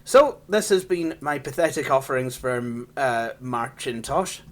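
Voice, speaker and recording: A man's voice: mid-range voice, unhurried. A Scottish man casually walking through an old operating system, rambling and poking fun at himself, laughing often. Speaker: tech channel host. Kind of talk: casual hands-on software walkthrough.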